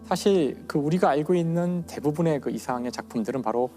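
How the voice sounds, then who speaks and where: A man in his fifties, a physics professor on a TV talk show, telling a story in a lecture style and slowing down for dramatic emphasis. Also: a little high, lively intonation, warm tone, faint music behind. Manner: enthusiastic, slows down for dramatic emphasis. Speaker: physics professor guest speaker.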